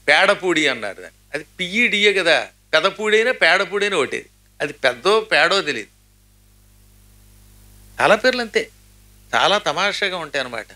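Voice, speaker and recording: A middle-aged man with a high-pitched, sharp voice delivers a spiritual discourse as a religious speaker. He chants verses, then explains them, adding humorous asides that mimic how words get pronounced.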